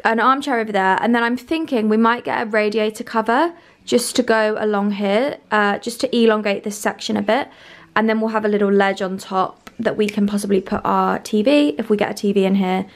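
A young woman chatting casually in her flat for a vlog, enthusing about her rooms with lots of ums and likes. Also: medium pitch, a little fast. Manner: gushing, filler-heavy, enthusiastic. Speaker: home vlogger. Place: bedroom and kitchen of a rented flat, indoors.

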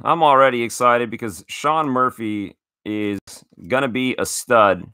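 Bright-voiced enthusiastic man, dry close sound. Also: medium pitch, a little slow, clear, resonant tone, no room sound. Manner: enthusiastic, grateful, stammering restarts. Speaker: card collecting show host. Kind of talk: casual card-opening chat.

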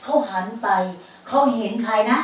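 A woman's voice: moderate pace, fairly bright tone, a little hiss or hum. A woman preaching a sermon to her congregation in a church hall, asking them rhetorical questions and dropping English words into her preaching. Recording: very echoey, far from the mic.

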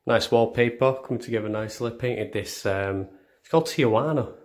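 Phone in hand, a young man vlogs a relaxed tour through the rooms of a house. He speaks at normal speed in a mid-range, slightly mellow voice, keeping things chatty and poking fun at himself.

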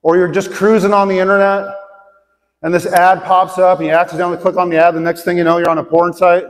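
Speaking fast in a high, level voice, this middle-aged pastor gives a conversational sermon to his congregation in a big church auditorium. He asks them questions directly, and long hall reverb fills the recording.

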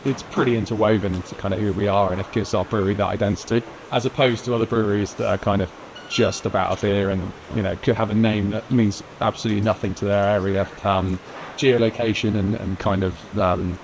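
A brewery owner in his thirties from Lyme Regis, with a southern English accent and a lowish voice, is interviewed in an outdoor courtyard beside a stone wall. He speaks casually as a local business owner, hedging with "kind of" and "you know", while a lapel mic captures him clearly over street noise.

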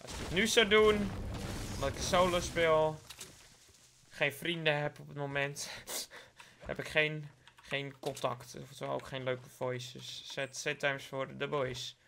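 A man's voice: fairly high pitch, steady tone, slow pace, gravelly, bright, forceful tone, a little hiss or hum. A young man from the Netherlands with a Dutch accent, giving playful live gameplay commentary, joking with his viewers and dropping English slang. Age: young adult. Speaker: gaming YouTuber.

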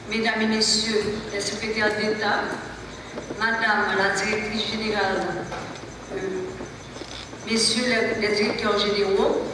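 A woman in her sixties, founder of a center, reading a formal opening speech at a lectern in a measured, formal way. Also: medium pitch, background noise. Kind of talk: formal speech read aloud. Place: large hall stage at a lectern. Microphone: lectern mic on stand. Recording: echoey hall from far off.

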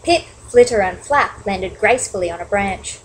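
Expressive woman reading a children's story. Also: mid-range voice, normal speed, slight background noise, rough recording. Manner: expressive with chatty asides to young listeners. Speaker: storybook reader. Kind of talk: children's story read-aloud.

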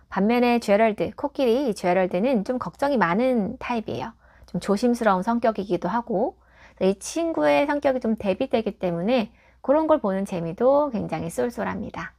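A woman reviewing a children's picture book, explaining it patiently and clearly and modelling English pronunciation tips. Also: on the high side, expressive, moderate pace, darkish tone.

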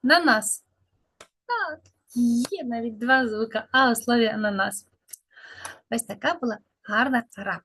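A woman's voice: on the high side, unhurried, long pauses, bright, forceful tone, slightly rough. A woman speech therapist leading a lesson for small children, drawing out words in a sing-song way.

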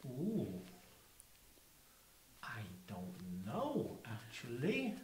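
Giggly woman co-host on a kids church show, slow and teasing, echoey room. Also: extremely low pitch, huge pitch swings, a little mellow. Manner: giggly, teasing, exaggerated reactions. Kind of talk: playful kids' church show chat. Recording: echoey room with background noise.

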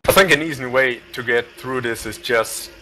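A man's voice: medium pitch, normal speed, sharp tone, slight background noise. A man co-commentating a live racing stream, reading out standings in rambling play-by-play with jokey asides. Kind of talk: casual race commentary.

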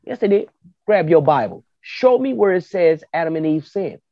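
A fairly high-pitched man speaks at a moderate pace as a panelist in a casual podcast chat. He tells stories and argues his point animatedly, acting out both sides of a conversation with quoted back-and-forth. The audio is dull and lo-fi, with no room sound.

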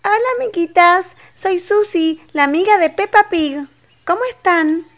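A woman voicing a cheerful little female toy pig with a bright, sing-song welcoming delivery. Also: extremely high pitch, unhurried, pitched above the performer's own voice, heavily acted. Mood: cheerful welcome.

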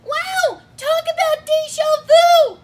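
Pikachu, squeaky and childlike. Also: male voice, slow, noisy background. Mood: excited. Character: squeaky little male Pikachu, childlike and gushing.

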